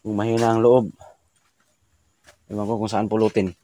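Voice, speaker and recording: A man's voice: fairly low pitch, little pitch movement, normal speed, warm tone. A man vlogging a paranormal investigation in a remote hut, reacting with startled exclamations and speaking directly to an unseen spirit. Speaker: ghost-hunting vlogger.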